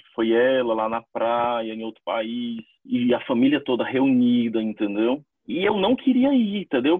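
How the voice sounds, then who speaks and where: Man, grieving interviewee, husky voice through a tinny phone-like line. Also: mid-range voice, dry recording. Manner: grieving, halting, repeats entendeu. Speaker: interviewee, bereaved brother. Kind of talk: emotional testimony.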